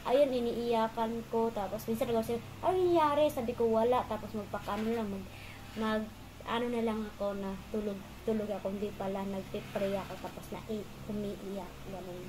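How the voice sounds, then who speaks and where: A young woman casually telling her personal story in a halting way, repeating words and filling pauses. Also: medium pitch, little pitch movement, noisy background. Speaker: interviewee.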